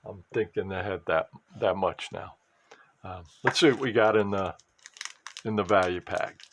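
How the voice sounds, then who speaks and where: A man with a low-sitting voice talks casually at a moderate pace while opening a pack of sports cards, with some background noise. A sports card collector and fantasy football vlogger, he rambles, restarts his sentences and drifts into trailing asides.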